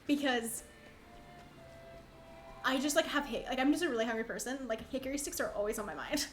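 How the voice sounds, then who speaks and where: A woman's voice: high-pitched, fairly quick. A young woman from Canada giving casual, rambling live commentary on her video game speedrun, chatty and self-deprecating. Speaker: speedrunner streamer. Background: faint game music.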